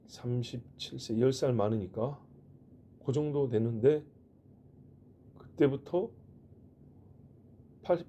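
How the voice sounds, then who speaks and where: A man's voice: medium pitch, mellow, a little hiss or hum. A middle-aged male pastor giving a sermon in a conversational way, asking rhetorical questions and making joking asides. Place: church.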